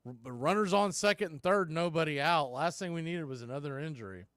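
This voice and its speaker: Fairly high-pitched and bright, his voice moves with lively intonation at a fairly quick clip, captured in studio quality with no room sound. He's a man announcing live baseball at a fan watch party, informal and colloquial, openly pulling for his team.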